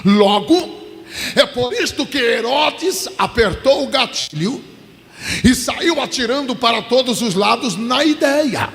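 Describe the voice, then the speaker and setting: A male Brazilian preacher with a strikingly high, gravelly voice delivers a fervent sermon, dragging his phrases out slowly and shouting the refrains. Long reverb from a large church hall trails behind every line. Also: expressive. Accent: Brazilian Portuguese. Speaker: pastor. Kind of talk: Pentecostal sermon.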